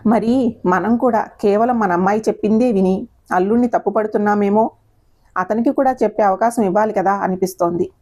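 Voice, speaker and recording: A woman voicing a gentle older mother who speaks softly and tries to persuade in an audio story. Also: mid-range voice, a little fast, natural voice. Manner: soft, coaxing.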